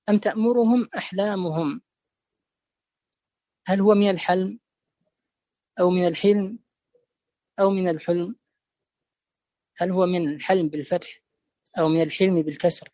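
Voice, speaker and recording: A man teaching a classical text, explaining it word by word in a deliberate lecture style and repeating key words to stress them. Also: high voice, mellow, no room sound.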